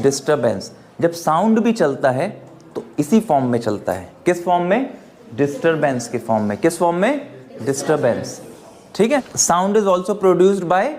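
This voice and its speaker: A man's voice: sits high, a little mellow. A man teaching a class. He keeps asking the students questions and answering them himself, and mixes English phrases into his talk. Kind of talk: classroom lecture.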